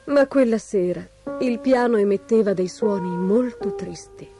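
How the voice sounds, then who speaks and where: A woman reading a children's storybook aloud, expressive and animated. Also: mid-range voice, a little slow, soft background music.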